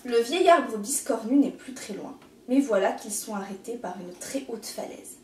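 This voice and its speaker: A woman teacher reading a picture book aloud in an expressive, gentle storytelling manner, in an echoey room. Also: fairly high pitch, normal speed, recorded from a distance, slight background noise.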